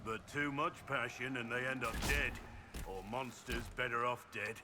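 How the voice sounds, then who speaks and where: Brief: actor as a dry, mid-pitched companion, game audio over clear noise. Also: male voice, steady tone, normal speed, close to an everyday voice. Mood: wry.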